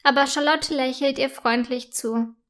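A woman narrating a children's story in a slow, clear, gentle storytelling manner. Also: high voice, steady tone.

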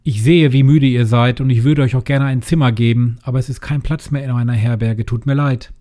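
A man playing a gentle, apologetic innkeeper. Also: medium pitch, steady tone, fairly quick, close to an everyday voice. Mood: regretful. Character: kind, regretful innkeeper man. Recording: music behind the voice.

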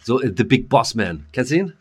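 A middle-aged man with a German accent co-hosts a podcast, bantering casually in blunt, slangy terms and teasing his partner. His medium-pitched voice is husky, brisk and sing-song.

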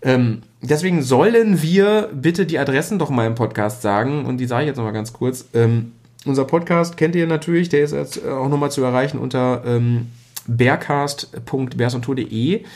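A man hosting a casual podcast, rambling along with lots of filler sounds. He pokes fun at his own show as he goes. His pitch sits in the middle range. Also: moderate pace, a little mellow. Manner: rambling, many fillers, self-mocking. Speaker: podcast host.

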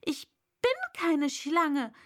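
A woman's voice: high-pitched, big pitch swings, measured pace, pushed and bright, pitched above the performer's own voice, heavily acted. A woman voicing a truthful, flustered little girl who protests earnestly and falters, as a character in a read-aloud story. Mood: indignant, unsure. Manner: protesting, hesitant. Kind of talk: audiobook character voice.

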